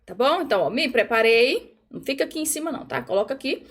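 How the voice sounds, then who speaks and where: Brief: female music teacher, high bright pitch, patient, step-by-step explainer, chants rhythm syllables. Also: lively intonation, fast talker. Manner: patient explaining, frequent "ó" and "tá?" checks. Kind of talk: online music theory lesson.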